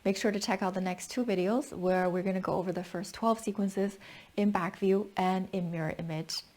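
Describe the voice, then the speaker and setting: A woman with a medium-pitched voice leads a tai chi lesson. She explains as she demonstrates, guiding the listener through each movement with step-by-step cues. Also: fairly even intonation, moderate pace, a little mellow.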